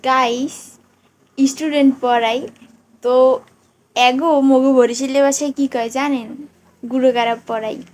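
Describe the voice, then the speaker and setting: A woman's voice: sits high, steady tone, measured pace, long pauses, darkish tone. A young woman with a Barishal Bengali accent, playfully teaching local dialect words in a casual vlog. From Barishal, Bangladesh. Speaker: vlogger. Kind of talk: casual vlog, showing around home.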